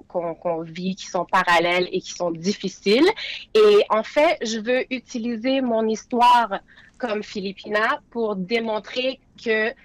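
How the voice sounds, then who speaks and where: Une femme originaire des Philippines, candidate municipale, répond en entrevue avec sérieux et beaucoup d'hésitations. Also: female voice, medium pitch, no echo, poor audio. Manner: earnest, hesitant with many fillers and restarts. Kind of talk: interview answers.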